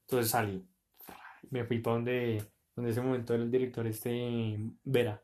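A young man with a Colombian accent, co-hosting a podcast and telling a school story in casual chat, animated and full of slang. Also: mid-range voice, unhurried. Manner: animated, slangy, tumbling narration. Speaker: podcast co-host.

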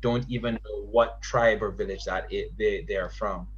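A man's voice: lowish voice, steady tone, moderate pace. A man, speaking as a guest in a thoughtful conversation and often restarting his sentences. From Caribbean. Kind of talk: reflective conversation. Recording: dull lo-fi audio.

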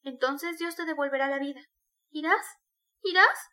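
A woman's voice: fairly high pitch, little pitch movement, brisk, fairly bright tone, lightly acted. A woman reading the part of a devout, desperate young woman who pleads with tearful urgency. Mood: pleading.

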